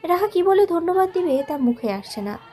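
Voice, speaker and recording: Sex: woman. Role: story narrator. Style: scripted narration. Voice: high. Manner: soft, measured, emotional. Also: big pitch swings.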